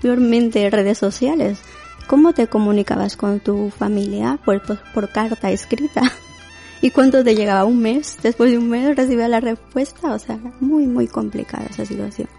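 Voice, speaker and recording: Latin American woman in her forties, interview guest; mellow, gravelly delivery, faint music underneath. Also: fairly high pitch, moderate pace. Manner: reflective, many restarts and fillers. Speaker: guest, domestic worker. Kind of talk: conversational interview.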